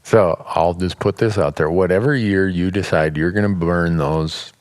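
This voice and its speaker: A man in his fifties, a podcast co-host from Montana, explaining things in a relaxed, matter-of-fact way in casual chat. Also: sits low, normal speed, dry recording. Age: 50s.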